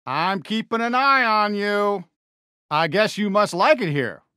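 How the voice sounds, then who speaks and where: Friendly toy cowboy sheriff for a game: American, folksy drawl, unhurried, swooping lively pitch, good-natured. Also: male voice, clear, resonant tone, dry recording, clean studio sound, heavily acted. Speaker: video game character greeting players. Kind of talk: animated game voice lines.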